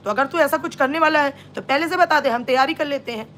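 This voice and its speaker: High-voiced woman ranting sarcastically. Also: fast talker, fairly bright tone, slight background noise. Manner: scolding, sarcastic, rhetorical questions. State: sore throat. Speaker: reaction vlogger. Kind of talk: live-stream reaction rant.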